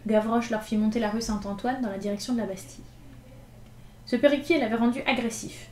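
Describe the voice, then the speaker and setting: A woman reading a classic novel aloud in an expressive, lively storytelling manner. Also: a little high, fairly quick. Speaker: reader. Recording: echoey room with faint ambience.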